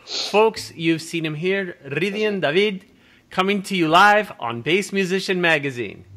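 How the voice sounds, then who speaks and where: An older man hosts a casual interview over a laptop video call, musing at length between his questions. His voice sits high and sounds sharp, and he speaks unhurriedly while faint music plays in the background.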